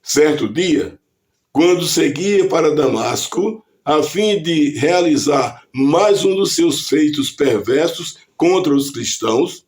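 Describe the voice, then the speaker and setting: Brazilian male preacher, fairly high voice with lively pitch, unhurried scripted reflection. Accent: Brazilian Portuguese. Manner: slow, deliberate preaching delivery reading scripture aloud.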